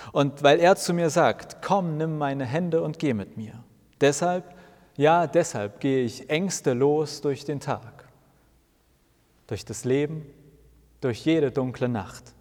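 A man's voice: medium pitch, takes it slowly, darkish tone. Wry man narrating a story, reverb. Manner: wry, self-mocking. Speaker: storyteller in a weekly sermon podcast. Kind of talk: first-person story narration. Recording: long reverb.

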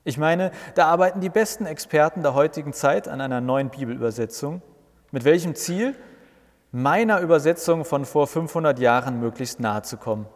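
A man's voice: fairly high pitch, animated, moderate pace. A man voicing a grumpy, indignant old male church reformer who blusters and complains, in a reverberant recording. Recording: long reverb.

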